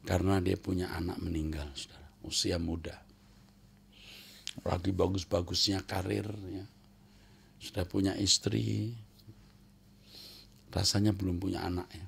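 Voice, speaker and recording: Gravelly-voiced man preaching a sermon. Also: low voice, little pitch movement, a little slow, pauses often. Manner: swings from loud emphatic exclamations to hushed whispers; addresses listeners as "saudara", repeats phrases for emphasis. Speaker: pastor.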